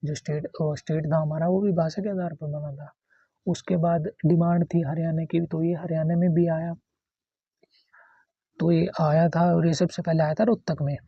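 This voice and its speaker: A man's voice: a little high, flat delivery, normal speed, breathy edge, dry recording, highs cut off. A man teaching a casual exam-prep history lesson, explaining in a repetitive, conversational way.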